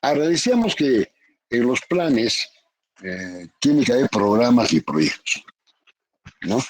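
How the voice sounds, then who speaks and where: A man's voice: medium pitch, sing-song, slow pace, no room sound. A man from Peru, a university economics professor teaching a virtual class, who repeats his definitions and keeps asking "no?" and "ya?" of his students. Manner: calls on students by name, repeats definitions with tag questions. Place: home, online class. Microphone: computer mic on a video call.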